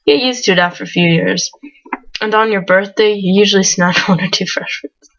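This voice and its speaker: A woman's voice: medium pitch, fairly quick, fairly bright tone, lo-fi sound. Giggly woman reading game text. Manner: giggly, breaks into laughs between read lines. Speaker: let's play gamer. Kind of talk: reading game text aloud with casual commentary.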